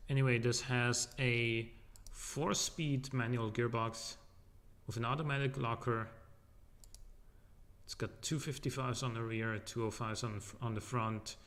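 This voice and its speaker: A man chats casually through a game stream, rambling and joking with plenty of ums and uhs. His voice sits at an ordinary middle pitch. It bounces around a large living room cleared of furniture, so everything carries a big, hollow echo. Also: fairly even intonation, measured pace, fairly bright tone. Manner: rambling, loose and joking, with many fillers. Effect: echo from a large empty room. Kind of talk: casual live-stream commentary.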